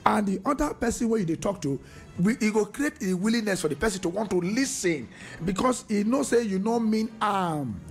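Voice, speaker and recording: A man's voice: high-pitched, expressive, fairly quick, creaky, soft background music. A man, a radio panelist chatting about relationships in Pidgin, laughing often and restarting his sentences. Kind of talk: casual radio discussion in Pidgin.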